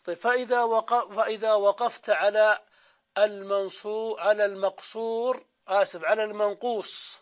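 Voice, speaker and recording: A man with a Saudi accent teaching a grammar lesson, who asks his own questions, answers them, and drawls out the example words slowly. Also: sits high, steady tone, lo-fi sound. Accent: Saudi Arabian.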